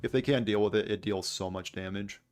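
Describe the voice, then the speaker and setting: A man's voice: fairly low pitch, fairly even intonation, brisk, over music. A man giving casual gameplay commentary as host, with a dry, wry, understated way of talking. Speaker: gaming video host.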